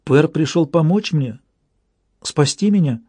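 A man's voice: fairly high pitch, lively intonation, unhurried, mellow, breathy edge, dry recording. Fields: Figure: a man voicing a frightened young girl. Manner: pleading. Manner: pleading and urgent.

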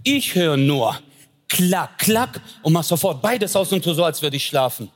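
A man's voice: fairly high pitch, very animated, unhurried. A man doing stand-up comedy, telling a story and acting out voices of family and objects.

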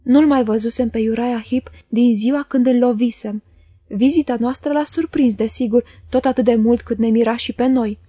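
Woman audiobook reader, calm and measured, mellow warm tone, dry close sound, somewhat high voice. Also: breathy edge, no room sound. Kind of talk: literary audiobook narration.

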